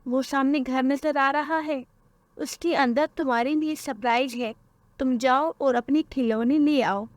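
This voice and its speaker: A woman voicing a sly male thief who sweet-talks children in a cartoon story, with a coaxing, quick manner. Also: sits high, no room sound.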